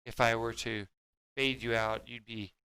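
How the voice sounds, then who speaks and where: A man with a mid-range, clear, resonant voice co-hosts a casual livestream and runs the tech. His delivery is flat with a sharp edge, and he speaks haltingly, muttering to himself as he works and reading viewer messages aloud.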